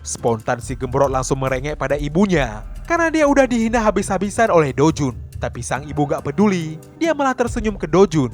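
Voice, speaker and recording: Man, comic story recap narration, dramatic colloquial storytelling, high pitch, very lively intonation.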